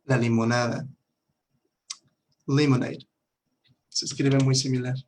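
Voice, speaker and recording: Slow, patient male teacher. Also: medium pitch, fairly even intonation, husky. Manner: slow, patient, repeats words for drill, frequent "ujú". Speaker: English teacher. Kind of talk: online language lesson.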